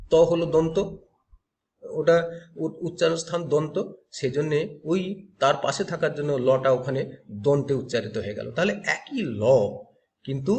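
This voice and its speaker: A male teacher giving a grammar lecture, explaining step by step and asking and answering his own questions. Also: fairly high pitch. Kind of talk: classroom lecture.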